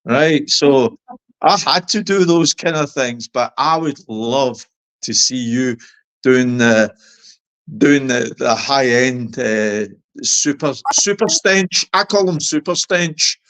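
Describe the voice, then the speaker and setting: A man's voice: mid-range voice, takes it slowly, a bit bright. A man, chatting casually on a video call and repeating himself as he talks. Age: 50s. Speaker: guest on a beer review call.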